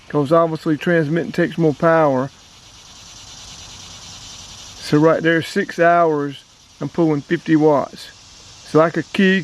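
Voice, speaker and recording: An American man with a slightly high, darkish voice hosts an outdoors channel and is a radio operator, giving a casual hands-on demo vlog. He speaks in a folksy way straight to his viewers, and the recording quality is low.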